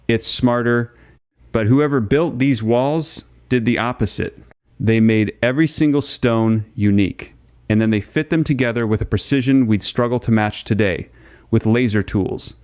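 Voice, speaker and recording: A man's voice: mid-range voice, darkish tone, dry recording, studio quality. A man giving scripted documentary narration in a dramatic way, speaking straight to the listener and asking rhetorical questions.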